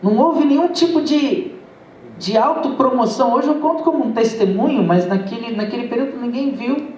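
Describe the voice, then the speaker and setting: A man's voice: very high voice, fairly quick, a little mellow, recorded from a distance, muffled recording. A man with a Brazilian Portuguese accent preaching a sermon, telling a testimony and calling the congregation his brothers. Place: church sanctuary. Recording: echoey church, heard from afar.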